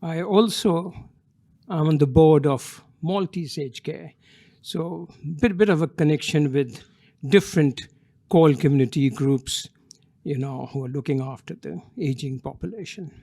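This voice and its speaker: Older man, panellist introducing himself at a conference, earnest, loose phrasing, fairly high voice. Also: a little slow, creaky, mellow. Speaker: panellist, community elder. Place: conference stage.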